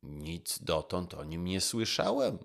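A man's voice: sits low, slow pace. A man voicing a haughty male courtier who turns flustered and fawning before his ruler.

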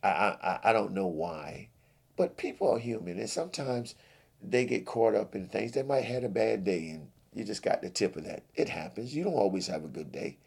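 A man hosting a comedy sketch who speaks calmly in a pleading, preacher-like cadence as he gives advice about how churches treat guests. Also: lowish voice, fairly quick, gravelly, breathy edge.

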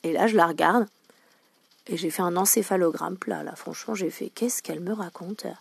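A woman's voice: lowish voice, moderate pace, creaky, husky. A woman podcaster telling comic stories from her shop job in a chatty, playful way, full of fillers. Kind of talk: comic anecdote monologue.

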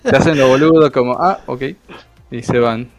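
A man's voice: mid-range voice, fast talker, over loud music. A man with an Argentine accent narrating a tabletop game as game master in vivid, slangy storytelling.

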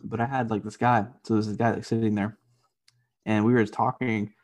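A man's voice: fairly low pitch, level tone, fairly quick, a little mellow. A young man co-hosting a podcast, telling rambling stories in casual chat, swearing a lot and laughing often. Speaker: podcast co-host.

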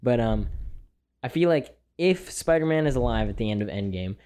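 A man's voice: mid-range voice, lively intonation, moderate pace, dark tone. A man chatting casually and joking around, at times slipping into a mock Southern drawl. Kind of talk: casual chat.

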